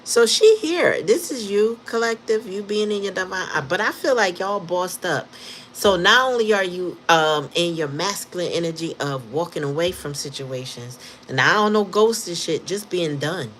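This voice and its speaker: A woman's voice: lowish voice, moderate pace, fairly bright tone, slight background noise, rough recording. A woman giving a casual tarot reading, telling stories in slangy talk and laughing often. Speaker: tarot reader.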